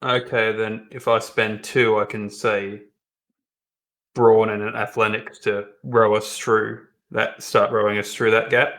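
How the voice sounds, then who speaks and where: A man's voice: on the low side, flat delivery, unhurried, fairly bright tone. A man playing a tabletop role-playing game, speaking in a matter-of-fact, slightly wry way. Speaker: player.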